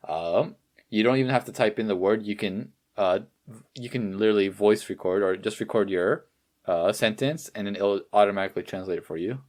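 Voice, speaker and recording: A man's voice: fairly low pitch, a little fast, darkish tone. A man co-hosting a casual podcast in an easygoing, agreeable way, with plenty of likes and uhs. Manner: easygoing, agreeable, many fillers. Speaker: podcast co-host.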